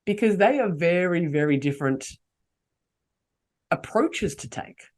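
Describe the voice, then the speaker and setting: A woman's voice: lowish voice, lively intonation, measured pace, a little mellow. A woman hosting a solo podcast, coaching her listeners and asking them rhetorical questions. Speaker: podcast host.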